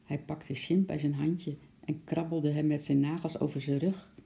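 Gravelly, dark-voiced storybook reader. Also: mid-range voice. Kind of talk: reading a children's storybook aloud.

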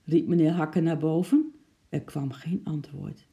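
A man reading a children's story aloud, lively and acting out the noises. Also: on the high side, measured pace, creaky. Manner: lively, acts out sound effects.

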